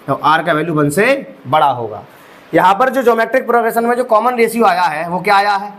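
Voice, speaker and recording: Male maths tutor, high pitch, young adult, exam-prep lecture, rhetorical questions. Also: lively intonation, fairly quick, a bit bright. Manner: talks students through each step with rhetorical questions; addresses students as bhai sahab. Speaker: maths teacher.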